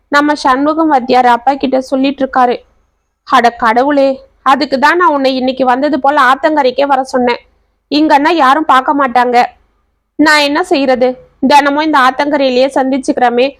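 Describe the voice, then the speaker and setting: A woman's voice: high voice, steady tone, moderate pace, no echo, close to an everyday voice. A woman voicing a tearful, pleading young woman in love.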